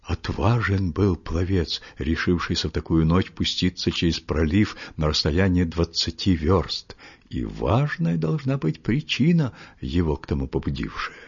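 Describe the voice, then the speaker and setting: A man reading a literary story aloud in a measured, expressive storytelling manner, his voice husky. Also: deep voice. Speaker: audiobook reader. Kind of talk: literary audiobook narration. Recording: muffled lo-fi recording.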